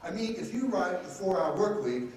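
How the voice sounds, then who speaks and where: A man's voice: sits high, lively intonation, normal speed, darkish tone, slight background noise. A man giving a live seminar talk to an audience, brash and joking with a salesy push. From Texas. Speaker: speaker. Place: conference room with audience. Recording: roomy, distant live hall sound.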